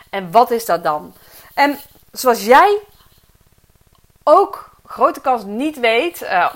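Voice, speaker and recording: Dutch woman coach, middle-aged, earnest solo podcast talk with fillers, slightly high voice. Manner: earnest, reflective, many fillers and restarts. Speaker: podcast host and career coach. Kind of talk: personal podcast monologue.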